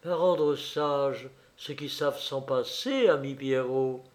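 A man reading a storybook aloud, voicing a wise fairy godmother who gently teases her godson. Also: mid-range voice, slow, natural voice. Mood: teasing.

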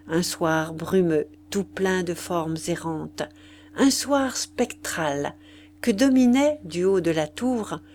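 A woman narrating a story in a measured, even audiobook reading. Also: on the low side, a little hiss or hum.

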